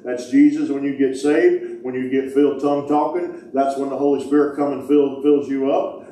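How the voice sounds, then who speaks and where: A man's voice: mid-range voice, steady tone, moderate pace, distant mic. Fervent preaching man in an echoey church. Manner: fervent preaching, calls out to the congregation, shouts "woo". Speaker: pastor. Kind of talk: sermon. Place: church sanctuary, indoors. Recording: echoey church hall from afar. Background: congregation responding.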